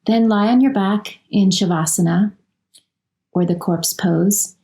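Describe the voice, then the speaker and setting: A woman leading a guided yoga nidra relaxation, speaking in a slow, soothing and gently instructive way. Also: medium pitch, low-quality recording. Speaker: meditation guide.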